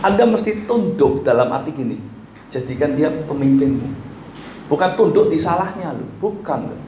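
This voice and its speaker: A man's voice: a little high, expressive, moderate pace, mellow. A man preaching a sermon as pastor, emphatic, asking rhetorical questions, with an Indonesian accent. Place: church hall. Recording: echoey church room, faint background noise.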